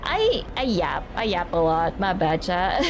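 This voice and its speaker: Speaking slowly with big swings in pitch, this young streamer from the Philippines rambles through a casual chat with her viewers. A native Tagalog speaker with a mid-range voice, she often restarts words and says "I, I," while noise fills the background.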